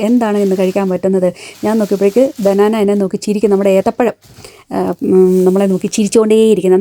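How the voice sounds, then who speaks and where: Fast-talking woman vlogger, chatty and mellow. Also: medium pitch, no echo, studio quality. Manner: chatty, enthusiastic, product recommending. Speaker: cooking and lifestyle vlogger. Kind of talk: casual vlog chat to viewers. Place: home kitchen.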